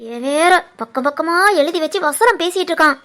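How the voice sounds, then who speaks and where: A woman voicing a sharp-tongued, scheming older mother in an animated family drama, with a Tirunelveli Tamil accent. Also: sits high, a little fast. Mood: irritated. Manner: grumbling, scornful.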